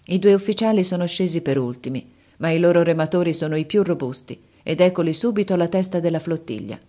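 Audiobook narrator: woman with a deep voice for her sex, steady literary reading. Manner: measured, even storytelling delivery.

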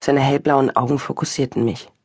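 A woman reads first-person fiction in a measured, reflective way, her voice husky and breathy. The studio sound is dry and close, with no room around it. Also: extremely low pitch, fairly even intonation, a little mellow, dry recording. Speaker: audiobook narrator. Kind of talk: first-person literary narration.

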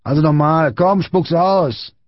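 A man voicing a big bullying schoolboy who shouts and taunts aggressively, in an audiobook reading. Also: on the high side, a little slow, no room sound, muffled recording, pitched above the performer's own voice, natural voice. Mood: taunting.

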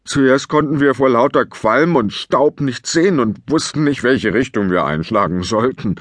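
A man voicing a dim, cheerful big-brother giant in a children's audiobook, speaking slowly, loudly and simply. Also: medium pitch, expressive, no room sound, clean studio sound, close to an everyday voice. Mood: sheepish. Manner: slow, loud and simple.

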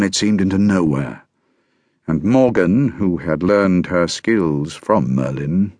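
A man narrating a historical novel audiobook in a measured, grave first-person storytelling manner. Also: low voice, dry recording.

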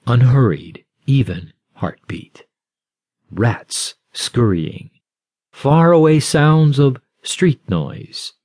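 A man giving a scripted audiobook narration in a slow, measured storytelling manner. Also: medium pitch, a little mellow, husky, dry recording, studio quality.

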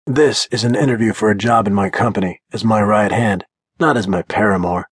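A man's voice: on the low side, brisk, slightly rough, no room sound. A man narrating a first-person audiobook in a blunt, confident manner.

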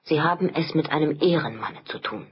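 Woman voicing a young officer, husky, quick and reassuring. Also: expressive, dull audio, full character voice. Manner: brisk, reassuring, lowered pitch. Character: earnest young male army lieutenant.

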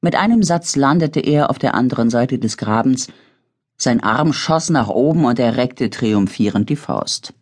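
Woman audiobook narrator, dramatic, very lively intonation. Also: rumbling low, normal speed. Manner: dramatic, expressive reading.

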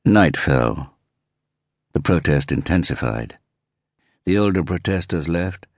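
A man reading a thriller audiobook in measured, vivid scripted narration. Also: deep voice, expressive, a little mellow, dry recording, studio quality.

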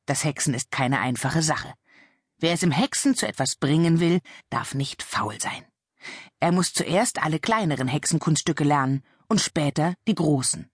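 A woman narrating a children's audiobook in a lively, expressive storytelling manner. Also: deep voice, moderate pace, slightly rough, dry recording, clean studio sound.

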